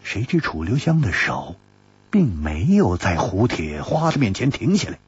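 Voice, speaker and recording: Casting: male traditional storyteller, husky, very animated pitch, wry asides, dull lo-fi sound. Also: moderate pace, no room sound. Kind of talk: traditional Chinese storytelling narration. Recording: dull lo-fi audiobook recording.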